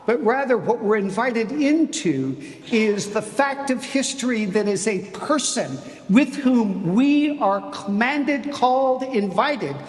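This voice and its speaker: Slow, high-voiced preaching bishop. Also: male voice, expressive. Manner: deliberate, emphatic preaching with dramatic pauses. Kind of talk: sermon. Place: cathedral. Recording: long cathedral reverb.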